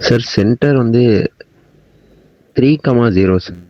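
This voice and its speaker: A man's voice: medium pitch, fairly quick, dark tone. A male student with a Tamil accent answering his teacher politely over a video call. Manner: polite, says sir often. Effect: heard over a video call. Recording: dull lo-fi video call audio.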